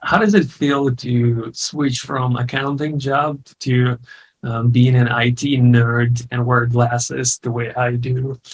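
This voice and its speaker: A man's voice: medium pitch, fairly even intonation, slow pace. A man hosting a casual online interview, upbeat and chatty, laughing easily. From came to the US in 2009. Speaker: host and course founder.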